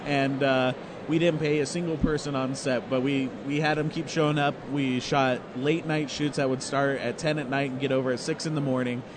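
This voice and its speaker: A man's voice: mid-range voice, steady tone, normal speed, background noise. A man who is a filmmaker guest, joking casually in an outdoor interview at a fan convention. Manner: joking, wisecracking.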